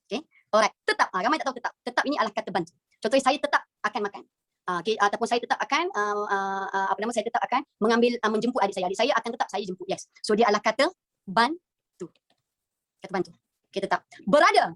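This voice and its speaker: A quick, fairly high-voiced Malaysian woman marks grammar answers for her class and keeps praising the students as she goes. She drags out word classes piece by piece and slips English words in among the Malay. The sound is dry and close, with no room echo. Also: fairly bright tone. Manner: encouraging, praises students often, mixes in English; spells out word classes in drawn-out chunks. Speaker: teacher. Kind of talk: online grammar lesson, marking answers.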